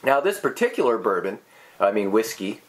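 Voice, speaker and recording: A middle-aged man co-hosting a casual whiskey tasting chat, rambling and hesitant with many pauses and restarts. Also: fairly low pitch, sing-song. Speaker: co-host.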